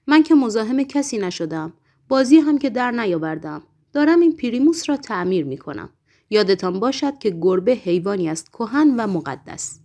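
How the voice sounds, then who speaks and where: Behemoth, a gruff talking tomcat, as a woman puts him on. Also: a little high, very animated, dark tone. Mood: grumbling. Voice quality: rough, gruff voice. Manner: melodramatic, self-pitying.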